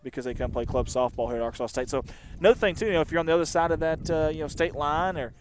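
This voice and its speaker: A man doing chatty, rambling live softball commentary outdoors. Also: fairly high pitch, rapid-fire, a little hiss or hum. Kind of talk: casual live sports commentary. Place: outdoor softball field on a windy day.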